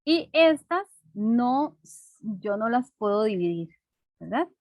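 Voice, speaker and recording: A woman's voice: fairly high pitch, big pitch swings, slow pace, a little mellow, no room sound. Woman teacher, patient and questioning. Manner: checks in with frequent rhetorical questions; patient, simple teaching to children. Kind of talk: classroom explanation.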